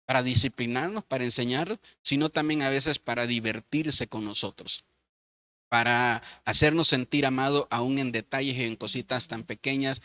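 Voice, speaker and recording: A man's voice: mid-range voice, sharp tone, dry recording. A middle-aged man, a pastor, talking in a church conversation who playfully acts out his children's voices.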